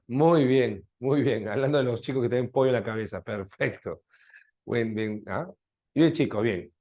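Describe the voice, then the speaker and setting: A man's voice: mid-range voice, a little slow, long pauses, warm tone. A man with a Peruvian accent teaching a live language class, teasing his students and often asking them to confirm they follow. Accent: Peruvian Spanish.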